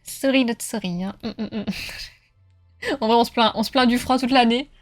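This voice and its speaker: A woman with a high voice hosts a livestream from home, joking with viewers and cheering the racers on. Faint game music plays beneath her. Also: normal speed. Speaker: streamer. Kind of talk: live-stream chat with viewers while racing.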